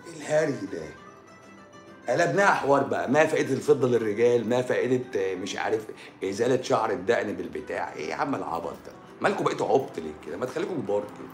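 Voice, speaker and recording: A man's voice: lowish voice, expressive, very fast, echoey room, soft background music. A man with an Egyptian Arabic accent, a doctor answering viewers on a live stream in a sarcastic, scolding, rhetorical way.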